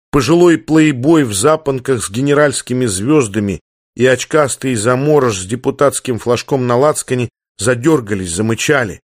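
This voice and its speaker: A man reading a story aloud in a steady, plain narrating voice. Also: medium pitch, no room sound, clean studio sound. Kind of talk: audiobook narration.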